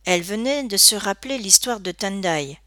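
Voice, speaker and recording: A woman narrating a story aloud in an expressive, scripted reading. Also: mid-range voice, normal speed, dry recording, clean studio sound. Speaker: audiobook narrator.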